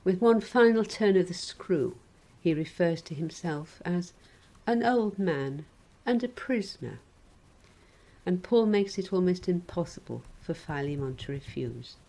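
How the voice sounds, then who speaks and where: A woman preaching a sermon in a measured, gently wry reflective way. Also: on the low side, expressive, poor audio.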